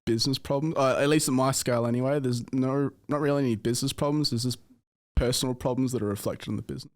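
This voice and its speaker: A man's voice: medium pitch, steady tone, quick pace, a little mellow. A man talking in a casual podcast conversation as a guest. He laughs often, swears casually and talks with many fillers and restarts. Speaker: podcast guest, business owner.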